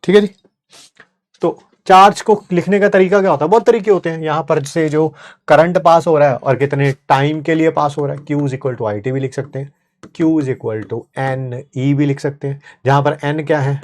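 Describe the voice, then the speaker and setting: A male chemistry teacher with a slightly high voice explains in a chatty, lively lecture. He mixes English technical terms into his talk and keeps asking students if they follow. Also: normal speed. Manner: conversational, mixes English terms, asks "है ना?" often.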